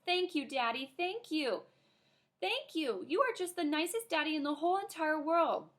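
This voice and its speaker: Woman playing a high, lively little storybook girl, dramatic and pleading. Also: moderate pace. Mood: excited. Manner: pleading, excitable, shouty.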